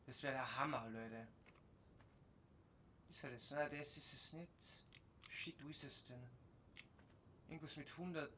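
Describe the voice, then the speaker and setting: A man from German-speaking Europe comments casually on his gameplay, mostly muttering to himself, with sudden bursts of excited swearing. His voice is very bright and sits a little high. A faint hiss of noise runs under the recording. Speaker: let's play gamer.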